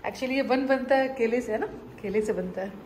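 A chatty young woman from India narrating a home vlog on a phone camera, pitched a little high. She walks viewers through the garden and kitchen, talking to them and her family as she films. A faint hiss of background noise sits under her voice. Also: normal speed, a little mellow. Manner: chatty, talks to viewers and family while filming. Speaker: family vlogger.

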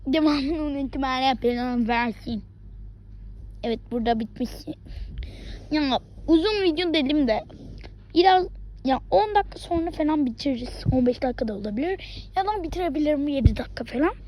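A woman vlogging in a casual, rambling chat, sometimes dropping into hushed asides. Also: high voice, brisk, dull audio.

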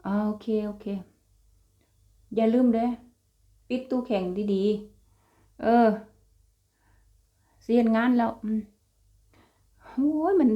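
A woman's voice: a little high, highs cut off. A young woman with an Isan accent chatting casually to her viewers in a vlog, laughing often and calling them brothers and sisters. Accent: Isan (Northeastern Thai). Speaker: vlogger.

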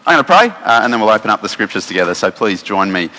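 An Australian man preaches in an easygoing, conversational way, full of "um"s and restarts. His voice is bright and forward, and it rings out with the long reverb of a church hall. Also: on the low side, racing. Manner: relaxed, chatty, many fillers and restarts. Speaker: pastor. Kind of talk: casual sermon with instructions for children.

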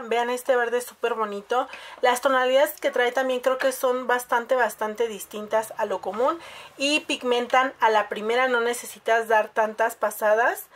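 A woman, chatting casually through a makeup review and addressing viewers as "chicas". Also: on the high side. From Mexico. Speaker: beauty vlogger.

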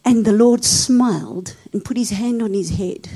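A South African woman telling a story at a seminar as a sermon, dropping to whispers and rising to shouts for effect. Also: fairly high pitch, measured pace, husky. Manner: dramatic, drops to whispers and rises to shouts when telling a story. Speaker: seminar speaker. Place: seminar hall.

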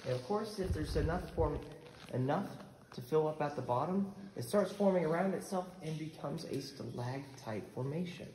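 A man's voice: a little high, lively intonation, normal speed, a little mellow. Man guiding a cave tour. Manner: polite, instructive, addresses group as y'all. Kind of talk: guided tour talk. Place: inside a cave. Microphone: phone camera carried by a visitor. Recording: echoey cave with background noise.

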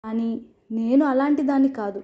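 A woman's voice: high voice, moderate pace, warm tone, lightly acted. A woman voicing a proud, defiant young bride in a storybook reading, firm and indignant.

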